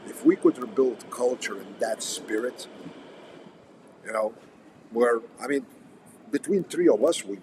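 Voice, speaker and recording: A man's voice: medium pitch, expressive, a little slow, long pauses. A man with a Russian accent chatting casually in a blunt, profane, wry manner. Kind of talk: casual chat. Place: coffee house. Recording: noisy coffee house ambience.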